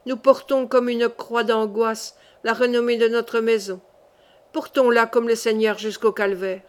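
A woman's voice: a little high, level tone, unhurried, close to an everyday voice. A woman reading a dying young king. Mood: pleading.

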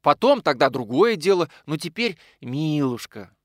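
A man's voice: fairly high pitch, big pitch swings, unhurried, no room sound, studio quality, voice pushed up. A man reading a story aloud, voicing a fawning, scheming newspaper editor who talks in a wheedling, ingratiating way.

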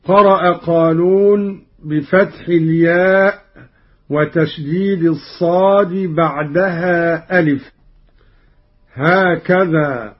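Slow, high-voiced man explaining recitation. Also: fairly even intonation, breathy edge. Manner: measured explanatory delivery, slowing to demonstrate recited phrases. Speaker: radio presenter explaining Quran readings. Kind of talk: formal radio lesson on Quran recitation variants. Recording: dull lo-fi old radio recording.

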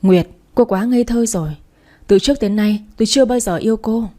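A woman's voice: a little high, brisk, mellow, lightly acted. A woman voicing a cold, cruel young husband in an audiobook, speaking in a cutting tone.

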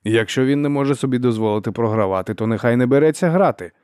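A man's voice: medium pitch, animated, brisk, a little mellow, dry recording, studio quality, natural voice. A man voicing a haughty, hot-tempered young nobleman officer who sounds indignant and petulant.

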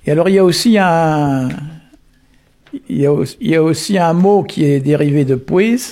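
A man, unhurried and full of tag words, explaining the origins of words. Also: on the high side, a little mellow. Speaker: Breton language explainer. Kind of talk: explanatory talk on word origins.

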